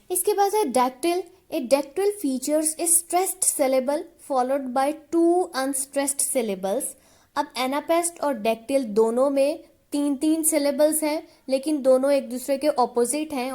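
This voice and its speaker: A woman's voice: high voice, dark tone. A woman explaining literature lessons in Hindi with English terms, patient and checking in with her students often. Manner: reads English definitions slowly and deliberately.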